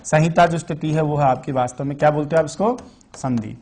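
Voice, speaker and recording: Higher-voiced man teaching an online class. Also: quick pace, a little mellow. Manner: asks the class questions and answers them himself; repeats key terms, stresses them. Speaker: Sanskrit teacher. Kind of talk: online exam-prep lecture.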